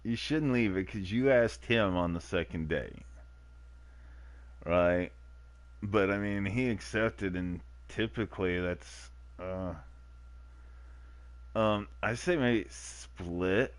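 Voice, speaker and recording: Slow, jokey male streamer. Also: low voice. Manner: slow, jokey, mock-outraged asides. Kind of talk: casual game commentary.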